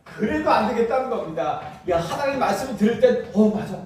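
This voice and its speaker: A man preaching a sermon as pastor, lively, with rhetorical questions to the congregation and chuckles as he speaks. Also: very high-pitched, fast, a little hiss or hum. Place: church sanctuary. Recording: echoey church from far off.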